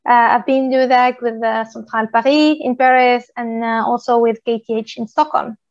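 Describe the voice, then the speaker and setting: A woman from Tunisia in her thirties gives a presentation on product work, pausing often with "uh" as she explains step by step. Her voice sits a little high. The recording is dry and slightly dull. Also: dry recording. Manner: steady explanatory delivery with frequent "uh" pauses. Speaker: guest speaker, product manager. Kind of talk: presentation talk.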